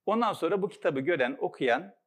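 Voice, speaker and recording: A man's voice: fairly high pitch, lively intonation, a little fast, husky. A middle-aged man, a psychologist and author, giving a reflective storytelling talk full of anecdotes. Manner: reflective, anecdotal, warmly earnest.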